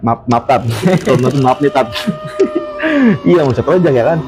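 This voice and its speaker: Man, casual ghost story telling, lively voice, music behind. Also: medium pitch, normal speed. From Jakarta. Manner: animated, acts out quotes, laughs often. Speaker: storyteller guest.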